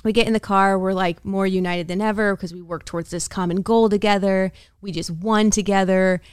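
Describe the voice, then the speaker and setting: An American woman co-hosting a podcast, telling a story in an animated, casual way with frequent laughter and acted-out quotes. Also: medium pitch, a little fast, clean tone, dry recording, studio quality. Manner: animated, laughs often, acts out quoted dialogue. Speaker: podcast co-host.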